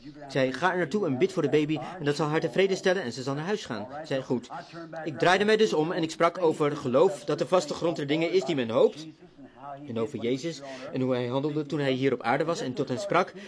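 A middle-aged man preaching a sermon as a story, swinging from hushed tones to loud cries. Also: on the high side, brisk, crowd noise.

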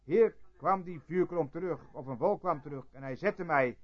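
A preacher with a high voice tells a story to his congregation. He jumps from loud cries to quiet asides. The tape sounds dull and lo-fi. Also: moderate pace, husky. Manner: storytelling preacher, swinging between loud outbursts and hushed asides. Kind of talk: sermon.

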